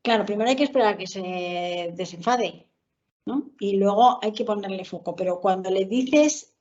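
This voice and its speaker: A woman's voice: mid-range voice, moderate pace, darkish tone. A woman with a Spain Spanish accent, a teacher and mother moderating a webinar, working her way through a question with restarts. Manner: thinking aloud with restarts. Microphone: video call. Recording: dull video-call audio.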